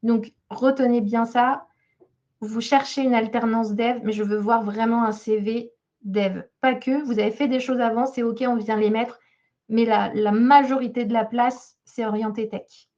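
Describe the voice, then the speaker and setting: Woman job coach reviewing a CV in a webinar, talking hesitantly with many fillers, a fairly high voice, and a muffled lo-fi sound. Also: steady tone, unhurried, a little mellow. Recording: slightly dull lo-fi sound.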